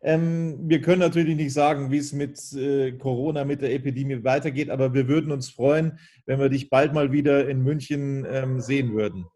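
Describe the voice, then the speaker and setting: Husky male interviewer. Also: medium pitch, steady tone, brisk, few pauses, dark tone. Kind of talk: polite interview talk.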